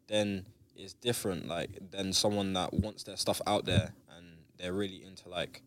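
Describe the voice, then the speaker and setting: A man's voice: low-pitched, steady tone, moderate pace. A young man with a London roadman accent, chatting casually. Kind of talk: casual chat.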